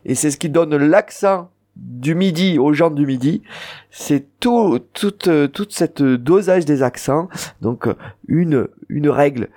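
A man's voice: on the high side, animated, takes it slowly, mellow. A man with a southern French accent, teaching an Occitan lesson and explaining pronunciation rules with spoken examples. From southern France. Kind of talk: radio language lesson.

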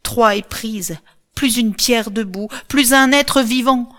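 A woman voicing a desperate young Trojan prophetess who cries out high and pleading. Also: expressive, normal speed, close to an everyday voice. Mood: frantic.

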